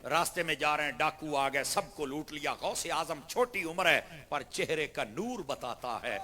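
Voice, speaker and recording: A man delivers an impassioned sermon in a slightly high, bright, forceful voice. He swings between hushed storytelling and shouted appeals to his listeners. A long reverb trails each phrase through the hall. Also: lively intonation. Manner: addresses the audience directly. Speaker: preacher.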